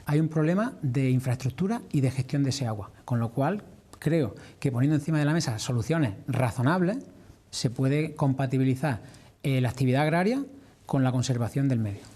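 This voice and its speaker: Mellow Andalusian man explaining in an interview. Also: mid-range voice. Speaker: farmers' organisation representative being interviewed. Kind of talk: formal broadcast interview answers.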